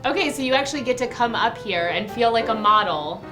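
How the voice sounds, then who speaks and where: A woman's voice: on the high side, animated, fairly quick, low-quality recording. Bubbly woman hosting a morning show. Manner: bubbly, enthusiastic. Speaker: show host. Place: aboard a cruise ship. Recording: music playing underneath.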